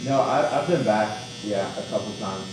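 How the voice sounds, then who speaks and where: A man's voice: on the low side, normal speed, distant mic, noisy background. Hesitant young man, echoey from afar. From Guatemala. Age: young adult. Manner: hesitant, lots of fillers and restarts. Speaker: barbershop customer. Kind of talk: casual chat. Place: barbershop.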